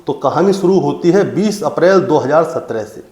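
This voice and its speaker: A man with a slightly high voice tells a true crime story, leaning on the drama and speaking to his listeners as friends. The sound rings in a roomy, echoing space. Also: lively intonation, normal speed, darkish tone. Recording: roomy echo.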